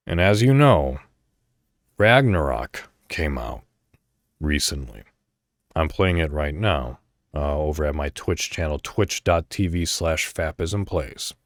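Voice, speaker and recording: Here a deep-voiced man runs his own podcast, chatting informally, going off on rambling asides, and reading some articles out loud. The audio is dry and studio quality.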